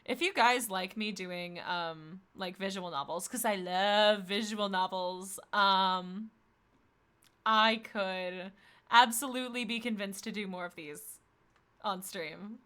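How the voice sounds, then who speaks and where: A young woman streaming a visual novel, chatting casually with slangy, animated asides while reading lines aloud. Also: medium pitch, slow pace, smooth.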